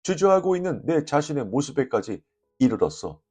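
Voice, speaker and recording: A man reading a short story aloud as an audiobook narrator, lively and expressive, voicing the dialogue. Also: fairly high pitch, moderate pace, slightly rough.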